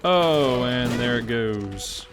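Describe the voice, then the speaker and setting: With music playing behind him, this Memphis-born gamer in his twenties talks very slowly in an expressive, medium-pitched voice. He hosts a gaming channel and chats with a Southern accent, poking fun at himself and wandering off between thoughts as he narrates his play.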